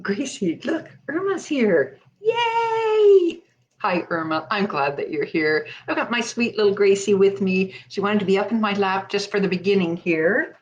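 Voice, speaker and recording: A woman's voice: mid-range voice, normal speed, few pauses, dull audio. A woman hosting a casual live stream from her home desk, greeting viewers by name with lots of fillers. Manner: chatty, warm greetings, many fillers.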